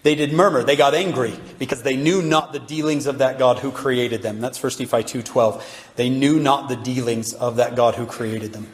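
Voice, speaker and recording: A man giving a lively devotional talk to young people and peppering them with rhetorical questions. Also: medium pitch, moderate pace. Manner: animated, asks the audience many rhetorical questions. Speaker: religious speaker addressing youth. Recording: roomy hall with long reverb.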